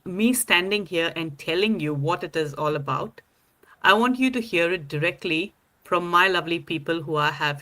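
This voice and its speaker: A woman's voice: on the low side, pushed and bright. A woman hosting a live online panel discussion over a video call, upbeat and welcoming.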